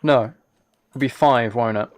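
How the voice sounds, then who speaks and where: A live streamer plays a video game and chats casually, thinking aloud in hesitant fragments. His voice is mid-range and his pace measured.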